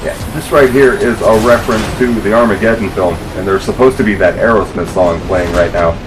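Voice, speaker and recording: A man with a fairly low voice talks casually through a video game as its commentator. There is faint noise behind him. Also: a little fast. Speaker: gameplay commentator. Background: quiet video game sounds.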